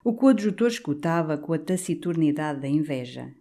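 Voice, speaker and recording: A woman, narrating a classic novel as an audiobook in a steady, expressive reading. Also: sits low, normal speed.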